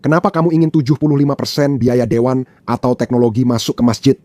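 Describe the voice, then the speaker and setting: A man's voice: mid-range voice, fairly even intonation, quick pace, warm tone, no room sound. A man from Pakistan giving opinionated commentary, emphatic and repeating his points for effect.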